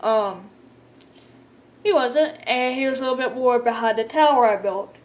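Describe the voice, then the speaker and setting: A woman's voice: on the high side, normal speed. A woman telling a rambling gaming story in a sleepy, casual way, laughing often as she goes. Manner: rambling, laughs often, quotes others in voices. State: sleepy, yawning. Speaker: gaming vlogger.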